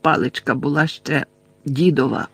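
A man's voice: a little high, normal speed, vocal fry, a bit bright, slightly rough, heavily acted. Neville, a fretful stubborn boy wizard, as a man reads him. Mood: anxious stubborn. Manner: insistent and fretful. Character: anxious but stubborn teenage boy wizard.

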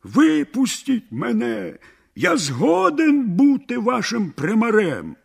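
Man doing a greedy merchant, eager and scornful, slow and husky. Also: high voice, very animated, pitched above the performer's own voice, exaggerated voice. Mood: pleading. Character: greedy gullible male merchant.

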